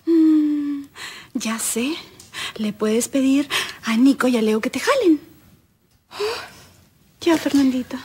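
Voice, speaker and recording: A woman's voice: sits high, animated, slow, long pauses, dark tone. An actress playing a flustered housewife and doting mother in a TV sitcom, fussing over chores and her daughter. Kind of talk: television sitcom acting. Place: living room set, indoors.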